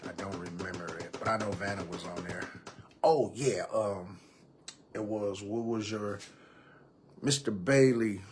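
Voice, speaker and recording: Easygoing male podcast host, low voice. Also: fairly bright tone, slightly rough. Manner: casual, drawling, reads comments aloud to viewers. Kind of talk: live-stream chat reading comments. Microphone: computer or phone mic on a live stream.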